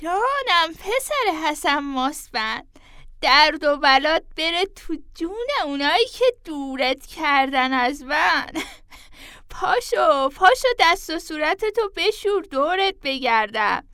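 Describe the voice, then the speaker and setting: A woman's voice: sits high, very animated, pushed and bright, no echo, studio quality, heavily acted. A woman voicing a fussy, tender old woman who pleads affectionately and calls on saints, in an audio story. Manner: affectionate, pleading, with religious exclamations. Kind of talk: audio drama reading.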